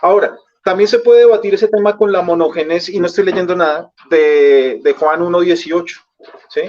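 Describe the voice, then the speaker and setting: A man's voice: sits high, steady tone, moderate pace, darkish tone, lo-fi sound, slight background noise. A man defending his view in a heated theological debate, hesitant and restarting his sentences. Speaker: debate guest.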